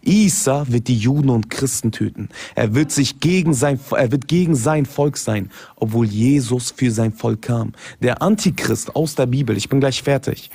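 A man's voice: mid-range voice, normal speed, creaky, hardly any pauses, mellow, husky. Assertive man debating scripture. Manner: assertive, lists points and declares knockouts. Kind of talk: heated religious debate.

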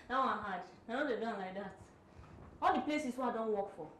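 A woman's voice: on the high side, expressive, brisk, reverberant, noisy background, close to an everyday voice. A woman with a Nigerian accent playing a stubborn, cheeky house help who pleads and laughs her way out of chores, mixing Pidgin and English. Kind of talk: comedy film acting.

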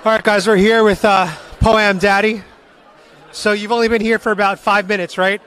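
A man's voice: sits high, flat delivery, moderate pace, a bit bright, slight background noise. A young man hosting a live vlog, chatting upbeat to viewers and interviewing people with a handheld mic in a large meeting hall. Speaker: street interviewer and livestream host. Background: murmuring crowd.

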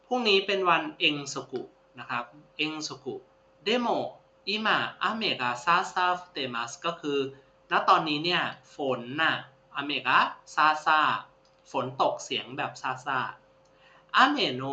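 A man's voice: fairly high pitch, pushed and bright. A man teaching a language lesson, patiently repeating each word and praising his students. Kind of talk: classroom-style lesson. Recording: roomy, dull lo-fi sound with faint hum.

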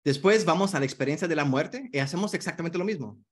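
A man's voice: a little high, lively intonation, quick pace, breathy edge. Man teaching, keeps checking "ok?". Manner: conversational, checks in with frequent "ok?". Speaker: hypnotherapy instructor. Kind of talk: online masterclass lecture.

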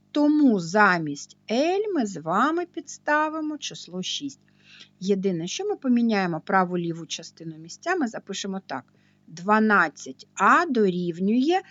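Woman math teacher, patient and methodical, lively intonation, dull lo-fi sound. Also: medium pitch. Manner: slow, patient, step-by-step explaining. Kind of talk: video math lesson.

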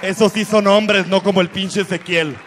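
A man with a Mexican accent doing profane, animated stand-up storytelling. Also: high-pitched, moderate pace, in a large hall, a faint crowd, a little hiss or hum. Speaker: stand-up comedian.

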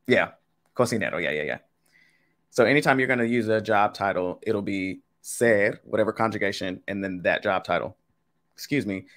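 Here a young man with a voice on the low side and a bit bright teaches Spanish in a live-streamed game lesson. Speaking from his home webcam straight to viewers, he keeps it casual and chatty, chatting with y'all.

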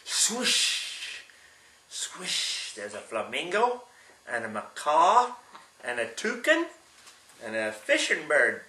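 An older man reads a picture book aloud to a small child, slow and unhurried. His voice is bright and bounces up and down as he makes the animal noises. The room around him is echoey. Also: a little high. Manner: slow, lively storybook reading with animal sounds. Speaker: great-grandfather reading aloud.

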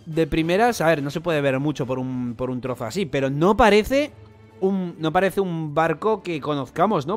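A young man with a Spain Spanish accent giving an animated manga reaction commentary, swearing and shouting in excited bursts. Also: on the high side.

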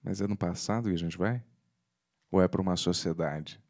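Low-voiced joking podcast host. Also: male voice, normal speed. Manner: joking, theatrical, acts out quotes loudly. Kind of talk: casual podcast banter.

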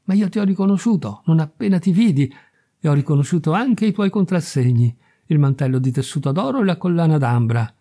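A tearful beggar mother begs, her voice lifted and pleading, as a man reads her. She speaks with a dark, mellow tone in a raised register. The delivery is heartfelt and never harsh. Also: on the high side, animated, fairly quick.

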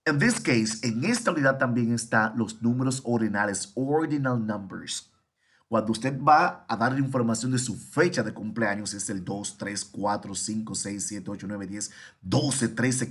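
A man's voice: medium pitch, fairly bright tone, husky. A man teaching an English class over a video call, repeating each phrase and translating it. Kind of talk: online bilingual class.

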